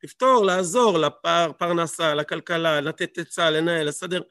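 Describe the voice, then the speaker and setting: A man with a fairly high voice teaches a Torah lesson. He stresses his points by repeating words and firing rhetorical questions. The sound is dry and close. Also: bright, forceful tone, no echo.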